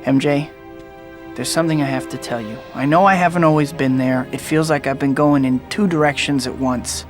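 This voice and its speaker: A man's voice: mid-range voice, steady tone, a little fast, natural voice. An actor playing an earnest, burdened young male superhero in a video game, with a dry manner. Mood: heartfelt. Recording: prominent music behind the voice.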